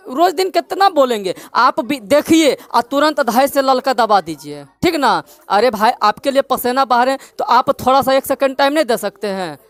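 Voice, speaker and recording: A woman from Bihar, India, with a Bihari Hindi accent, gives a classroom-style English phonics lesson, drilling students through repeated call-and-response questions. Her voice sits high, with no room sound.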